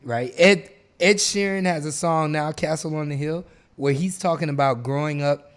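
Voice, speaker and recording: Male podcast host, fairly high-pitched, casual debate, emphatic, argumentative, repetitive phrasing. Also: moderate pace.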